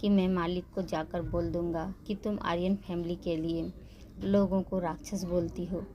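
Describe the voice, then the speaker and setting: A woman's voice: on the low side, little pitch movement, normal speed, dull audio, noisy background, lightly acted. A woman voicing an older male servant teasing a maid in a storybook reading.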